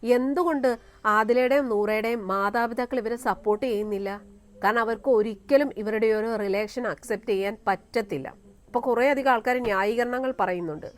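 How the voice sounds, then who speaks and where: A woman giving a scornful opinion commentary on her vlog, firing rhetorical questions and filling pauses with "aa" and "eh". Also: a little high. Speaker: vlogger.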